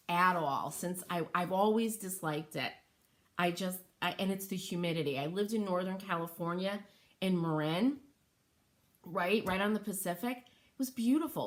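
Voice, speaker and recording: A woman's voice: on the low side, a bit bright. A middle-aged woman hosting a craft livestream from her home workroom, chatting with viewers by name while she works. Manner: chatty, greets viewers by name, thinks aloud. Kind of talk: casual livestream chat while stenciling. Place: home workroom by an open window.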